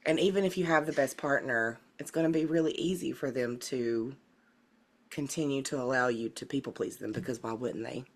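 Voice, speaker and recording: A woman's voice: very deep voice, brisk. A woman with a Southern US accent co-hosting a podcast in casual chat, thinking aloud with fillers and hedges. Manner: thoughtful, hedging with fillers. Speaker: podcast co-host.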